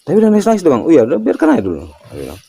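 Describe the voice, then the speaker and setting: A man's voice: fairly high pitch, huge pitch swings, very fast, vocal fry, dark tone, breathy edge. An older man giving a casual spiritual talk, telling stories and often ending phrases with a tag question. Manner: storytelling, ends phrases with "kan gitu". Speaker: religious teacher answering a question.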